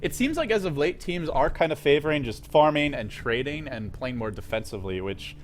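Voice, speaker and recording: Energetic, sleepless male esports caster. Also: fairly high pitch, a little fast, slight background noise. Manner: energetic, chatty, self-correcting. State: tired after an all-nighter. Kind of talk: live game commentary.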